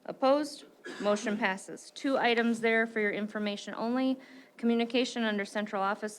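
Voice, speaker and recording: A woman chairing a school board meeting, brisk and joking as she calls on members and runs the votes. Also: medium pitch, clear, resonant tone.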